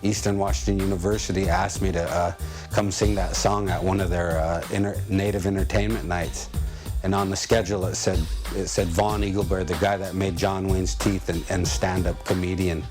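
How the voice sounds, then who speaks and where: A man from the United States with a low voice telling a story on stage, easygoing and folksy, stopping to restart a word here and there. Music plays clearly behind him the whole time. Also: little pitch movement, moderate pace. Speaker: musician and comedian.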